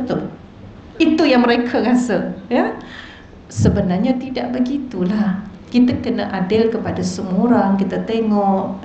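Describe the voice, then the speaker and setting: A woman's voice: fairly high pitch, warm tone, slight background noise. A woman religious teacher with a Malaysian Malay accent, giving a lecture in a mosque hall and asking the audience rhetorical questions. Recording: echoey hall, dull lo-fi sound.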